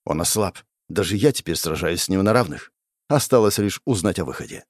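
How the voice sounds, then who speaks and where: A man narrates a fantasy action audiobook in the first person, intense and dramatic, at times breaking into shouted exclamations. His deep voice has lively intonation and a slightly fast pace, recorded with clean studio sound and no echo.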